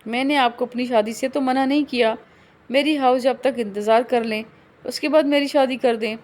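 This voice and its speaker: A woman's voice: sits high, steady tone, a little mellow, close to an everyday voice. A woman voicing a stubborn, distressed young woman in an audiobook reading of a novel, speaking in a pleading, defiant way.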